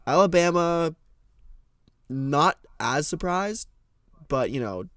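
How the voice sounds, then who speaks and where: A man's voice: fairly high pitch, expressive, slow, fairly bright tone, no room sound, clean studio sound. A young man co-hosting a casual podcast, rambling, laughing often and trailing off mid-sentence. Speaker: podcast co-host.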